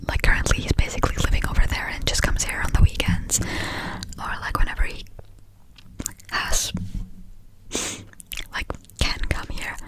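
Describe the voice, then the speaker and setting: A young woman from Finland whispering a fast, scattered, casual ASMR ramble with breathy delivery and frequent hesitations while chewing gum. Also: poor audio. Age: young adult, about 18. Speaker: ASMR creator.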